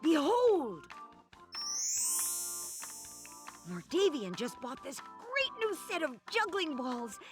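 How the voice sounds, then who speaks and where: A woman playing a theatrical, excitable magician who poses riddles in an educational computer game. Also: sits high, faint music behind. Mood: showy. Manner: theatrical, exclamatory, slow showy delivery. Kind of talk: scripted educational game character acting.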